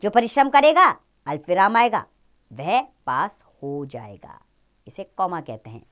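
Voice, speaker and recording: Lively-voiced woman teaching a grammar lesson. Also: measured pace. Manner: expressive, rises and falls in pitch.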